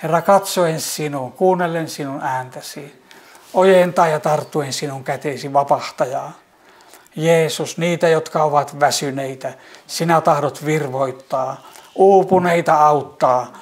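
Male preacher, fairly high voice, fervent spoken prayer with loud pleading climbs and stumbling restarts.

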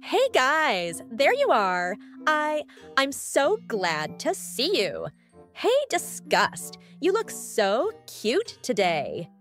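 Brief: a woman playing a sugary cartoon emotion, wildly swooping pitch, sweet and pushy. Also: very animated, a little slow, faint music behind. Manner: sweet, gushing, hesitant stammers. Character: bubbly female emotion Joy, sugary and pushy. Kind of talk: fan comic dub.

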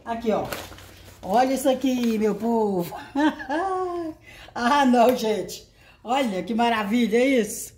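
A woman vlogger chatting casually to her viewers, exclaiming warmly over each gift she unpacks. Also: a little high, measured pace, slight background noise. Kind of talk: casual unboxing chat. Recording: echoey room.

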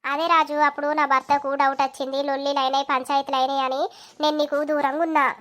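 A woman doing a tearful high-voiced village woman. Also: level tone, quick pace, fairly bright tone. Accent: Telangana Telugu. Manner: defensive, wounded. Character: tearful village woman, Latha, torn and defensive. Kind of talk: animated village comedy dialogue.

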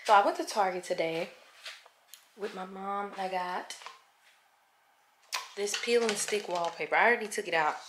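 A woman's voice: medium pitch, fairly bright tone, slight background noise. A woman chatting casually to her viewers as she fixes up a room at home. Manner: chatty, talks straight to viewers. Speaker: home renovation vlogger. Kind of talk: casual vlog chat. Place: at home, indoors.

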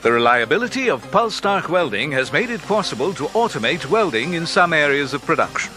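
A man narrating an industrial training film in a measured, instructive way, as a studio voice-over. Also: fairly high pitch, sing-song. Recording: faint music behind narration.

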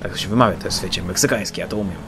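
A man's voice: low-pitched, very fast, over music. A man giving joking, mock-boastful commentary while playing a game. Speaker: gameplay commentator. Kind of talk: gameplay commentary. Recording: loud game sounds of engines and sirens.

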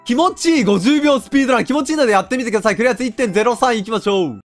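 Lively, loud young man commentating a game. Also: extremely high pitch, very fast, soft background music. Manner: loud, joking, often laughing and shouting. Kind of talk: excitable let's-play commentary.

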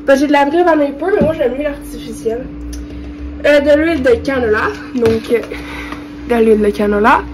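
In a home kitchen, a young vlogger with a cold talks to the camera in an informal, hesitant cooking tutorial, her Quebec French accent coming through a stuffy, congested voice. Her pitch sits high and her delivery is brisk. Music plays in the background, the background noise is clear, and the recording quality is low.

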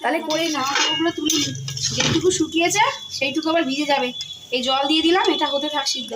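A middle-aged woman chats her way through cooking at home, with a high voice and a quick pace. She keeps turning to her viewers to check they are following. The phone recording picks up steady kitchen noise behind her. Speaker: mother and home cooking vlogger. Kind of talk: casual cooking vlog chat.

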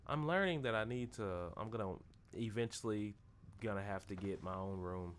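A man's voice: lowish voice, normal speed, a little hiss or hum. A young man streaming a video game, chatting casually in a rambling, jokey way. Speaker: gaming streamer. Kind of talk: casual gameplay commentary.

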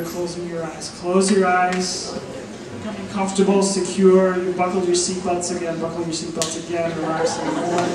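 A man speaking as a stage hypnotist in a slow, gentle, repetitive, soothing voice, guiding people into relaxation. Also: sits high. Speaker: stage hypnotist, show host. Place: school auditorium stage with audience. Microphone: far camera in the audience. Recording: distant, very echoey hall, loud crowd.

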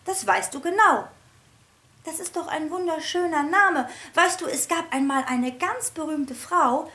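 A woman voicing a cheerful, chatty little female pet pig in a storybook reading, with a high squeaky voice. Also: expressive, measured pace, pushed and bright, exaggerated voice.

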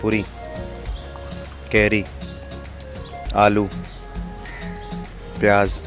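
A young man hosting a casual street food vlog outdoors, asking quick questions and praising the food with enthusiasm. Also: fairly low pitch, monotone, a bit bright, faint music behind. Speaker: food vlogger host. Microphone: handheld lapel mic.

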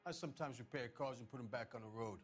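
An actor playing a middle-aged crooked car dealer in a 1940s crime game, defensive and sarcastic, talking in streetwise old slang. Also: male voice, medium pitch, fast, soft background music, lightly acted.

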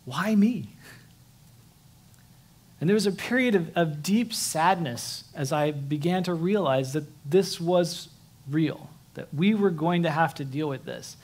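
A pastor preaching a sermon, telling a personal story in an earnest, conversational way with frequent restarts. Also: male voice, fairly high pitch, unhurried, a little mellow.

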